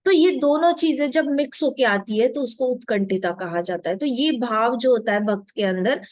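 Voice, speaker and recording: A woman's voice: on the high side, lively intonation, moderate pace, dry recording, clean studio sound. A woman giving a religious discourse as a devotional speaker, explaining patiently and repeating phrases for emphasis.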